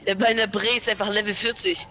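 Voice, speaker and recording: Bright-voiced man dropping English gamer slang. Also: sits high, level tone, fast talker, slight background noise. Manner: slangy, mixes in English phrases. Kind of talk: casual team chat while gaming.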